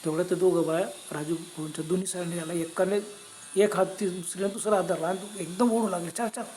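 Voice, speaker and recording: A man's voice: high-pitched, fairly even intonation, fast talker, darkish tone, slight background noise. A man telling a horror story in a conversational tone, with dramatic exclamations.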